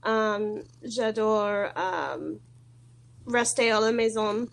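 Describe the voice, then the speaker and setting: With a creaky, mid-range voice and drawn-out words, an American woman practices French as a beginner, her native tongue being English. The conversation is halting, as she nervously and shyly searches for each word.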